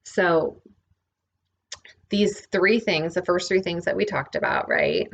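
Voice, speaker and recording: A woman's voice: on the low side, highs cut off, a little hiss or hum. A woman giving a casual spiritual lesson, often checking in with "right?". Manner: relaxed, often adds "right?". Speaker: spiritual teacher.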